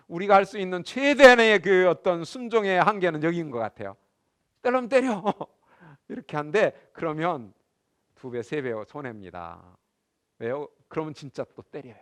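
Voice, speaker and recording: Animated high-voiced male lecturer. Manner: animated, acts out scenes and asks the class questions. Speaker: seminary professor lecturing. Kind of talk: Bible lecture to a class. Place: lecture room.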